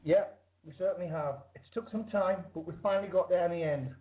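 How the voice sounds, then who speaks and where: A man's voice: high-pitched, quick pace, phone-quality sound. A man with a British accent, a musician giving a casual call-in interview. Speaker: interview guest, band musician. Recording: thin internet call line.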